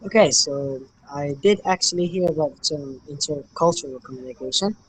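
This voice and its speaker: Measured young man. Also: a little high, slight background noise, low-quality recording. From Morocco. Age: young adult. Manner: careful, measured answers. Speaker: interview guest. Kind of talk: interview answers.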